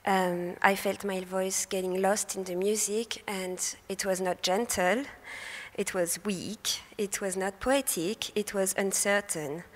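Speaking slowly with a medium pitch and fairly even intonation, a young woman from France presents research from a lectern, holding a handheld mic in a large festival hall with long reverb. Her soft, airy, French-accented delivery of the prepared talk is hesitant, full of fillers and self-corrections.

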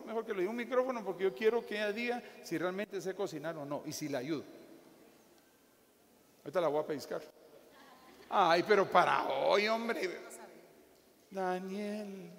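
A man preaching a sermon with a Guatemalan Spanish accent, joking and acting out little scenes as he talks. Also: high-pitched. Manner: jokey, animated preaching with acted asides. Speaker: pastor. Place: church hall. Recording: echoey hall with faint ambience.

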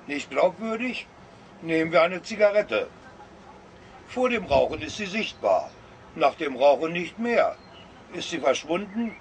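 A man's voice: a little high, slight background noise. A man with a northern German accent reading a satirical column aloud, lecturing in a dry, ironic way. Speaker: columnist reading his own text.

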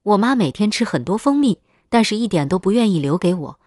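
A woman narrating a first-person horror story in a steady, matter-of-fact scripted read. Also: medium pitch, a little fast, no room sound, clean studio sound.

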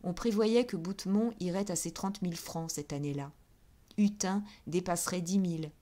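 A woman reading a classic novel aloud as an audiobook in a measured, steady way. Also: lowish voice. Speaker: audiobook reader.

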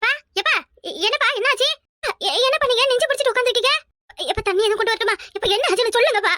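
Woman voicing a cartoon village daughter, super high squeaky voice, dry close sound. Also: quick pace, fairly bright tone, no echo. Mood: frantic pleading. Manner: pleading, frantic. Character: young village woman, anxious devoted daughter. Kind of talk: cartoon voice acting.

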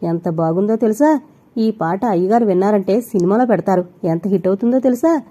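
A woman voicing a lively, affectionate young wife who talks eagerly, in an audio novel. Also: medium pitch, brisk, husky, lightly acted. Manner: eager, chatty.

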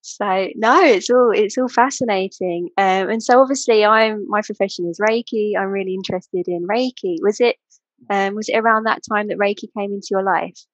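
A woman's voice: mid-range voice, moderate pace, no room sound. A woman interviewer asking questions in an encouraging, reflective way. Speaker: interviewer, Reiki practitioner. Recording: dry, dull lo-fi sound.

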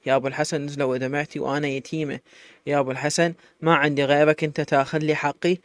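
A man's voice: fairly high pitch, flat delivery, rapid-fire, dry recording, natural voice. A man with an Iraqi accent voicing a tearful, abandoned young pregnant wife who pleads and sobs. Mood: pleading. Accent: Iraqi Arabic. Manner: pleading, sobbing speech.

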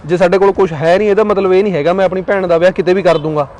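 A man's voice: high voice, steady tone, very fast, darkish tone, muffled recording, close to an everyday voice. A young man playing a stressed student who argues irritably. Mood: irritated. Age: young adult. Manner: irritated, argumentative.

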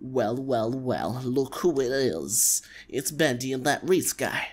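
A man's voice: medium pitch, takes it slowly, breathy edge. A man voicing a taunting, menacing cartoon gang leader in a game, proud of his turf. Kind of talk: game character dialogue read-out.

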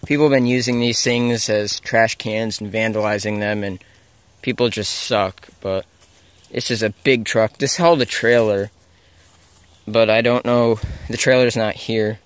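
A young man, an explorer who films abandoned sites, chats casually as he walks through a forest with a handheld camera, rambling, unsure, and correcting himself along the way. His voice sits on the low side with fairly even intonation and a measured pace. The tone is clean, and the outdoor recording from the camera mic is dry.

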